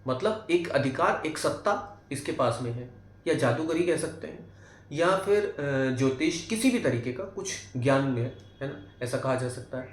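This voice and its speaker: A man's voice: mid-range voice, expressive, moderate pace. Echoey Hindi-accented man teaching tarot. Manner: explanatory, many tag questions and fillers. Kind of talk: explaining cards one by one. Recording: echoey room.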